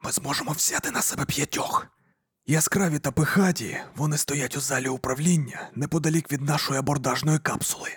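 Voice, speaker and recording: Guy reading a gruff bloodthirsty space warrior, dark voice, dry. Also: fairly high pitch, lively intonation, fairly quick, hardly any pauses, dry recording. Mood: eager. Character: bloodthirsty male armored space warrior, eager.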